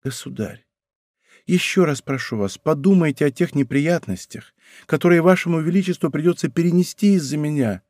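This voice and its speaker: A man's voice: fairly high pitch, fairly quick, a little mellow, dry recording, clean studio sound, voice pushed up, natural voice. A man voicing a timid, frightened young court lady, pleading in anxious exclamations in an audiobook reading.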